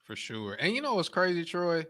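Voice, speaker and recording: A male interview host with a bright, sharp voice. He talks in an upbeat, joking way and praises his guest. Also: on the high side, wildly swooping pitch, moderate pace. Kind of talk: casual interview chat.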